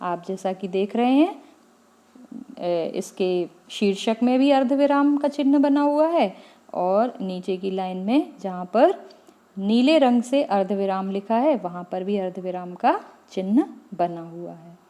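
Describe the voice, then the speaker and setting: A woman's voice: mid-range voice, animated, mellow. A woman teacher giving a grammar lesson, explaining patiently and often checking in with her students. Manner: explanatory, checks in with listeners, pauses deliberately between items.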